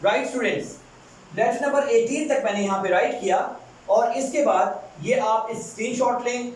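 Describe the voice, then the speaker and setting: In a classroom lecture on English pronunciation, a man with a very high-pitched voice explains rapidly in Hindi-Urdu, then says the English example words slowly and drawn out. The room is echoey, his voice sits far from the mic, and there's a little hiss or hum.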